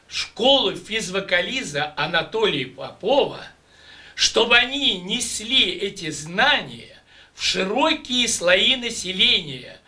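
Recorded from afar on a camera mic, this older Russian voice teacher sits high, sounding pushed and bright. He walks students through exercises slowly and deliberately, with emphatic, declamatory speech, in a small room with patterned curtains.

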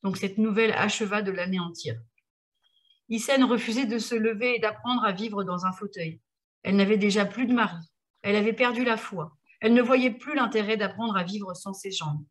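A woman reading a passage from her own novel aloud in a steady, measured way. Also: medium pitch.

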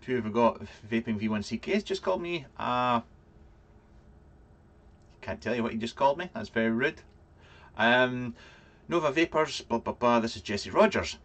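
A man's voice: fairly low pitch, a bit bright. A man in his thirties with a Fife Scottish accent, hosting a casual livestream vlog, rambling and dryly joking as he answers chat comments. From Fife, Scotland. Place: small cluttered home room, indoors.

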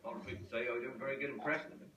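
An actor playing a daft older male sidekick with a folksy manner, doing silly drawn-out impressions. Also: medium pitch, steady tone, bright, forceful tone, reverberant, recorded from a distance, close to an everyday voice. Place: restaurant table.

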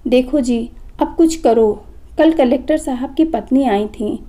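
A woman's voice: sits high, measured pace, dark tone. A woman reading as a haughty, scolding wife. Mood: scornful. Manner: scolding, dismissive. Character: haughty status-conscious young wife.

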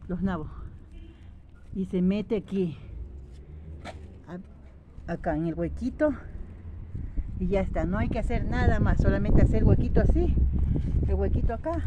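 A woman with an Ecuadorian highland accent, chatting step by step as she plants vegetables in an outdoor garden, filmed on a phone. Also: highs cut off. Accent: Ecuadorian highland Spanish. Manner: chatty, step-by-step, repetitive, addresses viewers as friends. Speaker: home gardening vlogger. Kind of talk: casual how-to vlog. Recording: outdoor noise, animals and traffic.

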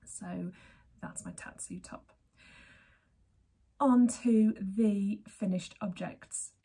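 She draws out her words at medium pitch, her voice creaky, dark and slightly rough. An Englishwoman in her thirties from Berkshire, she hosts a knitting podcast from her sunny living room, talking casually to a camera at desk distance and laughing and rambling freely.

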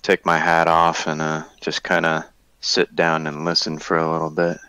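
A man's voice: extremely low pitch, normal speed, smooth, no echo, poor audio. A man playing a tabletop role-playing game, joking and jumping in and out of character. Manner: lively, joking, jumps into character. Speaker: player. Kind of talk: casual tabletop role-play.

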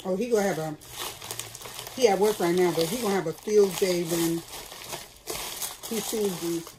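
A woman's voice: fairly low pitch, moderate pace, noisy background. Chatty middle-aged woman vlogger. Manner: chatty and candid, talks straight to viewers. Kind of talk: casual chat. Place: at home, seated indoors.

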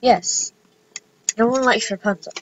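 Giggly high-voiced woman playing games. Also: a little slow, slight background noise, poor audio. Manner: giggly, playful, chatty. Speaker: gameplay vlogger. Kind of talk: casual gameplay commentary.

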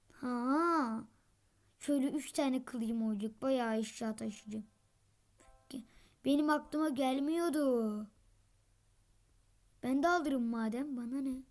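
A woman host giving gameplay commentary, taunting her opponents and breaking into frustrated shouts. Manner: trash-talking, taunting opponents; bursts into frustrated high shouts. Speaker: gaming channel host.

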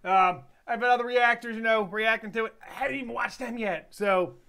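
A man's voice: very high-pitched, a little fast, bright, forceful tone, smooth. A man hosting a music reaction video, talking in a folksy, rambling, easygoing way. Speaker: music reaction channel host. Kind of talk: casual reaction commentary.

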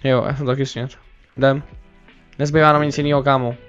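A man's voice: medium pitch, clean tone, faint music behind. Young man gaming on a dull lo-fi mic. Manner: relaxed, calls out tactics, says dude a lot. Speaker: gamer. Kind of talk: casual gaming chat.

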